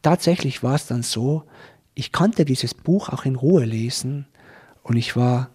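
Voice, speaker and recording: A man earnestly recounting a personal experience, slowing down as he reflects at tense moments. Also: mid-range voice, darkish tone, breathy edge. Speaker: person telling his own life story. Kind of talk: personal testimony.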